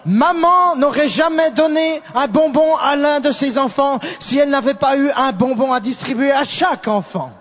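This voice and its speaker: High-voiced male sermon interpreter. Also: moderate pace, hardly any pauses. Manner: follows the preacher's rising intensity, small restarts. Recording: echoey hall, dull sound.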